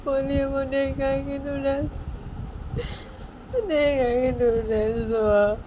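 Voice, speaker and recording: A woman's voice: little pitch movement, background noise. Baani, a woman doing a crying young woman. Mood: sobbing. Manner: high, whiny, drawn-out sobbing lines. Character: young woman, tearful, wailing and hurt.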